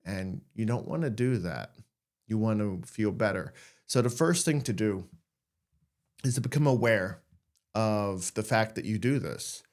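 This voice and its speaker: Speaking at a measured pace, this man has a lowish, darkish voice with lively intonation. He hosts a podcast and, in a casual self-help monologue, talks candidly about anxiety, cracking jokes and acting out his anxious thoughts.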